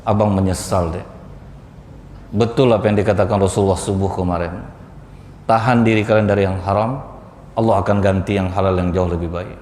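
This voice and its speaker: A preacher voicing a humble, repentant male thief who answers in a low, meek voice. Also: steady tone, brisk, long pauses, a little mellow, a little hiss or hum, close to an everyday voice. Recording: echoey mosque hall.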